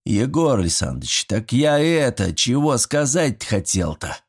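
A man's voice: mid-range voice, big pitch swings, a little slow, slightly rough, voice pushed up, exaggerated voice. A man voicing a fussy, good-natured old village grandfather who talks in folksy rural speech, sighing and fretting. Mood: fretful. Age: older.

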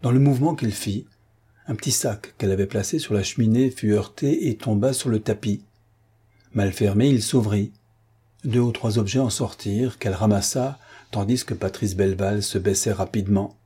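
A man reading a classic novel aloud as an audiobook narrator, calm and measured. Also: lowish voice, husky.

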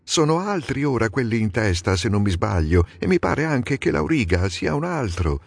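A man's voice: lowish voice, sing-song, normal speed, slightly rough, long reverb tail, exaggerated voice. A man voicing an older king, proud and testy, in a dramatic audiobook reading. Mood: uncertain. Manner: peering, uncertain, then testy.

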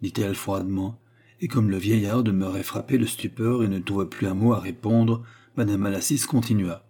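A man narrating a classic novel in a measured, literary storytelling manner. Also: lowish voice, steady tone, warm tone, breathy edge. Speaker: audiobook narrator. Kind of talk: scripted narration.

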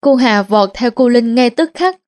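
A woman with a Central Vietnamese accent telling a comic folk story with lively rhythm. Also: on the high side, measured pace.

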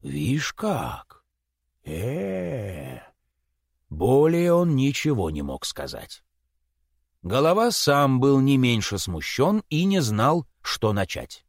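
A male narrator reading a classic tale with a lively, animated delivery that rises and falls freely. The sound is close and dry, with no room around it. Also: medium pitch, slow, no room sound. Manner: expressive, theatrical.

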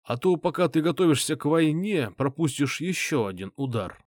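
A man voicing a shrewd older male ally who speaks slowly and deliberately, in an audiobook. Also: a little high, sing-song, darkish tone, dry recording, studio quality. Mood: measured.

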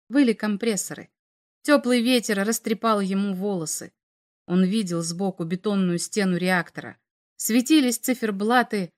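A woman reading science fiction aloud as an audiobook narrator, measured and dramatic. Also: medium pitch.

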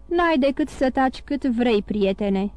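Woman reading a calm, coaxing priest. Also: a little high, natural voice. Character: calm, sly male priest.

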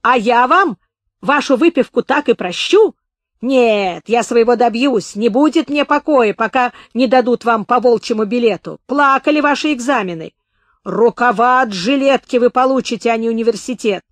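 Woman doing a hoarse sinister male detective, spiteful, raised pitch, dry close sound. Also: a little fast, few pauses, no room sound, lightly acted. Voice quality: hoarse, hissing. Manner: spiteful, shrill outbursts.

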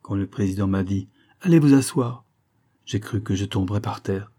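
A man's voice: fairly low pitch, moderate pace, dark tone, close to an everyday voice. A man reading a novel aloud and voicing a dying woman who confesses to a false testimony, anguished and pleading, repeating words in despair. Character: dying guilt-stricken woman, a former false witness. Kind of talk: audiobook reading.

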